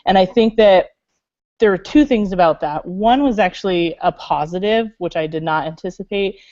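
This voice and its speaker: A woman speaking on a video call in a lowish voice, chatty and loose, full of little fillers and asides. The sound is dull and lo-fi, with a dry, close feel. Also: normal speed, a little mellow, dry recording. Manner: chatty, many fillers, laughs. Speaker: library makerspace staff member. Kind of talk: casual video call interview.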